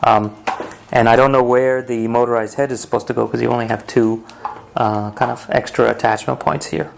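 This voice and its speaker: A man's voice: medium pitch, steady tone, moderate pace. A man giving a casual, rambling, matter-of-fact hands-on product review as the host of an unboxing vlog. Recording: home recording with clear noise and clicks.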